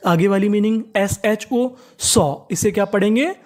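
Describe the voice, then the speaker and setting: A teacher giving a spoken lesson on reading English words. The teacher spells each word out, asks a question and answers it, and slowly repeats each new word several times. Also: medium pitch, darkish tone. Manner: asks questions of the viewer and answers them, drill style.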